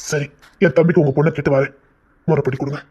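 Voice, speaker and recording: A man's voice: fairly high pitch, flat delivery, quick pace, mellow, husky. A man voicing a domineering young man from a gangster family who insists on marrying a girl. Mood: commanding. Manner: commanding, insistent. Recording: dull lo-fi audio.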